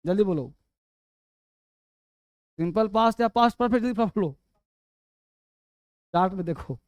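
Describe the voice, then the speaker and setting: A man teaching English grammar, quizzing students and urging them to answer fast. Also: sits high, darkish tone, clear, resonant tone, no echo, studio quality. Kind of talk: classroom lesson.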